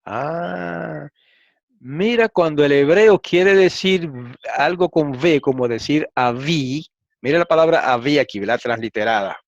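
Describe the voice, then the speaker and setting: A man teaching a lesson, reading transliterated Hebrew and Greek slowly and asking frequent rhetorical questions. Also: on the high side, dry recording. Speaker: Bible teacher. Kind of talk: lecture explaining Hebrew and Greek texts. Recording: dull, slightly lo-fi and dry.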